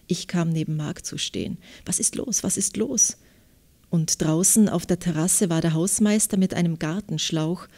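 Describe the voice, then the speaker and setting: A woman author with an Austrian German accent, answering interview questions and reading from her novel in a measured, thoughtful way. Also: lowish voice, warm tone. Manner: measured, thoughtful, reflective pauses.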